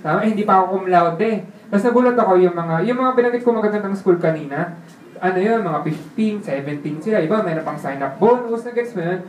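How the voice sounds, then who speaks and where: A man's voice: sits high, expressive, fast. Chatty man, distant roomy mic. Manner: keeps checking in with the listener using tag questions; chuckles often while telling the story. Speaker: interviewee telling his life story. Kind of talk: casual spoken storytelling. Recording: roomy sound from a distant mic with faint ambience.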